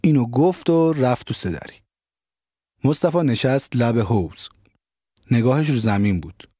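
A man narrating an audio story in a calm, measured storytelling manner, recorded close to the mic. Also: medium pitch, no room sound.

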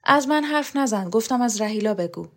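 A woman reading a novel aloud, voicing a sharp, disillusioned woman who speaks with biting contempt. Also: a little high, expressive. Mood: cutting. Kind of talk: audiobook character reading.

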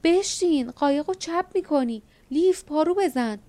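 A woman's voice: on the high side, fairly even intonation, a little mellow, clear, resonant tone, close to an everyday voice. A woman voicing a strong adult male warrior in an audiobook, speaking with urgency and strain. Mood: urgent. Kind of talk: audiobook character voice.

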